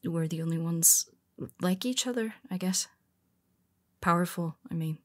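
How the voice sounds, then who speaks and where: Speaking in a lowish, unhurried voice, a woman portrays a powerful superhero, blunt on the surface yet secretly vulnerable, for an intimate audio roleplay. Her conversational lines are dotted with hesitant asides and sound flustered and earnest.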